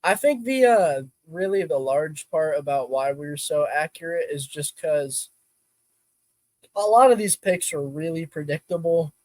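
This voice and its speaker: A man's voice: a little high, expressive, a little slow, darkish tone, no echo. Laid-back male podcast co-host. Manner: laid-back, stammers on restarts, says bro. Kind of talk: casual sports chat.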